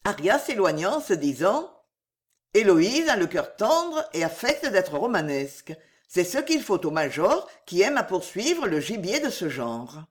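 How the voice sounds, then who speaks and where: A woman narrating a novel in an expressive, measured audiobook reading. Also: mid-range voice.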